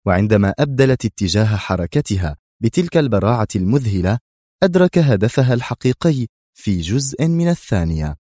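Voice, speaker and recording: A man narrating an action novel as a dramatic audiobook, moving his pitch a lot through the story. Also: warm tone, no room sound, studio quality.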